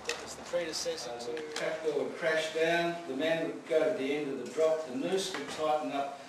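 A man giving a dramatic guided tour of a prison and projecting his voice to the group. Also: a little high. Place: echoey old stone prison. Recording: echoey, distant, noisy visitor camera.

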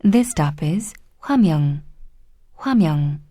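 A woman reading a prerecorded train station announcement in a slow, deliberate, formal manner. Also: deep voice, lively intonation, dark tone, dry recording, clean studio sound. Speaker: subway announcer.

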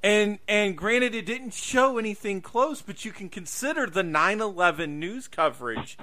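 A podcast host chats in a casual, conversational manner, repeating phrases for emphasis. His voice is fairly high for a man, bright and forceful, animated and at a normal speed, with a little hiss or hum present.

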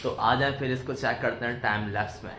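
A man's voice: medium pitch, fairly even intonation, fairly quick, very noisy. A man in his thirties from Pakistan, chatting casually to viewers in a home vlog while working on a water pump. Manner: chatty, addresses viewers as brothers. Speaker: vlogger. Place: home rooms and utility corner, indoors. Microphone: phone camera at arm's length.

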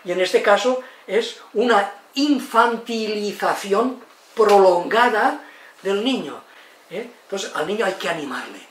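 An older man in his eighties from Spain lectures in a lively way and acts out the voices of people he tells about. His voice is high for a man and sounds distant from the mic. The room is echoey, with a faint hiss behind him. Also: measured pace. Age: 80s. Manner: expressive, tag questions, acts out quotes. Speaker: lecturer on psychology and education.

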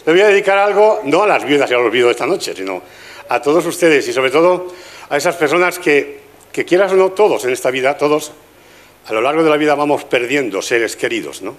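A man's voice: on the high side, animated, fairly quick. An older man from Spain with a Spanish accent, doing a chatty stand-up comedy routine at a gala and teasing the audience. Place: live stage with audience.

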